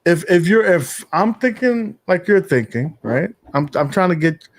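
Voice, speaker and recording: Rambling animated man hosting a podcast. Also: sits high, measured pace, a crowd in the background. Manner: rambling, animated, swears casually. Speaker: podcast host. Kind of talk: casual chat.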